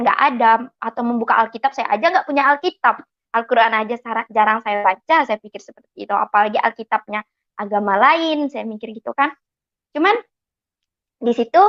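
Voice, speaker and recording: Animated woman. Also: a little high. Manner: animated storyteller who acts out remembered dialogue. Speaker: convert giving a testimony. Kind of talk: personal testimony. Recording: dull lo-fi recording.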